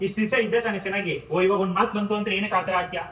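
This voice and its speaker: A man in a heated family argument at home who keeps trying to calm everyone down. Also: high voice, very fast, far from the mic. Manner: placating, keeps urging calm. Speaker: family member in prank. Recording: roomy, off-mic, faint noise.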